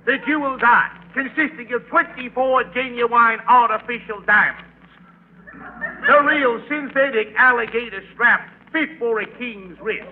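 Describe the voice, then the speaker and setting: Brief: showy auction huckster; high, thin old broadcast sound. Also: male voice, measured pace, a little hiss or hum. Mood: salesy. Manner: showy sales patter. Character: smooth-talking male auctioneer, hustler. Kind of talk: 1940s radio acting. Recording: tinny old radio broadcast.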